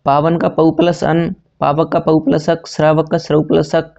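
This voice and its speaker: A man's voice: on the high side, level tone, normal speed, creaky, darkish tone, lo-fi sound. A man teaching a grammar lesson for exam preparation, asking and answering his own questions and correcting himself as he goes. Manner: self-correcting, says sorry mid-sentence.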